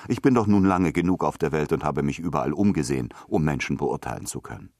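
A self-assured middle-aged man of the world, as a man reads him. He speaks in a deep, calm, lecturing tone. The sound is dry and close. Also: quick pace, vocal fry, no echo, exaggerated voice. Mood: knowing.

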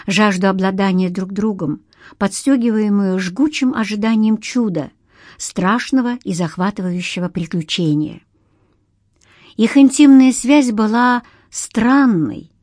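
A woman's voice: medium pitch, warm tone, no echo. Woman narrating an audiobook, dry and close.

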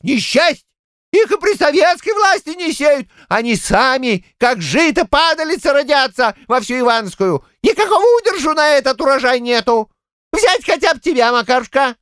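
A squeaky, cantankerous old village man, ranting in a shrill falsetto. The pitch jumps very high and swings wildly as he argues. The voice is dry and close. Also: dry recording, full character voice. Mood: furious. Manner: heated, rambling, shouting outbursts.

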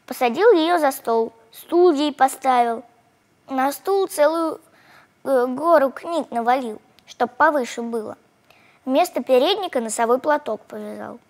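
A woman reading a children's story aloud in the first person, expressive and animated. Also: high voice, unhurried.

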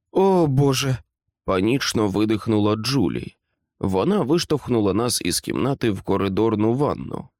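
A man narrating an audiobook in a calm, even-paced storytelling manner. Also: on the low side, creaky, no echo, studio quality.

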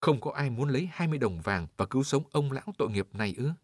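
A man voicing an urgent, generous middle-aged gentleman begging bystanders for help, in an audiobook. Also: medium pitch, expressive, fast talker, dry recording, studio quality, pitched above the performer's own voice, close to an everyday voice. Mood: imploring. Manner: urgent pleading.

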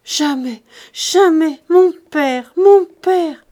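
A woman's voice: medium pitch, normal speed, warm tone, lightly acted. A woman reading an audiobook, voicing a grief-stricken young man with pleading, distraught cries. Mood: anguished. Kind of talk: audiobook reading of a classic novel.

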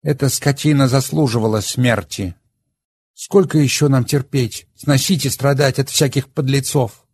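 A man's voice: medium pitch, fairly even intonation, normal speed, a little mellow, breathy edge, dry recording, voice pushed up. A man voicing a scornful middle-aged mother who scolds her husband. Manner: contemptuous, scolding.

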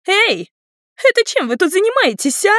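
Female narrator doing a screeching spiteful big sister, very high and loud, audiobook. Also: sing-song, moderate pace, no room sound, studio quality. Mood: shrieking alarm. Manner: shrieking, screeching. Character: shrill scandalized older sister, young woman.

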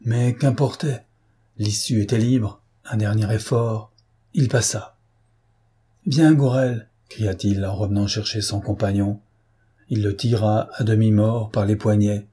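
Male audiobook reader, measured and dramatic, low mellow voice. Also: little pitch movement, husky. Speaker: audiobook narrator. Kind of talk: scripted narration.

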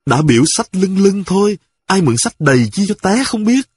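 A man voicing a fussy young wife, sharp-tongued but caring, who scolds and frets. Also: sits high, sing-song, normal speed, slightly rough, pitched above the performer's own voice, exaggerated voice. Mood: scolding. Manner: scolding, fretful.

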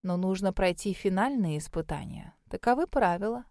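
Old male wizard examiner, put on by a woman narrator: slow, hushed, mildly probing. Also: lively intonation, no echo, clean studio sound, close to an everyday voice. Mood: measured, musing. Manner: slow, low, murmuring delivery. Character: elderly male magic academy examiner, mild and probing.

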